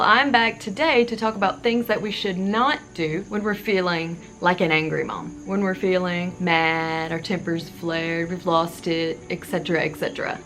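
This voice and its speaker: A woman in her thirties, a parenting coach hosting her channel, talking casually to camera with chatty, animated, joking asides. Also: mid-range voice.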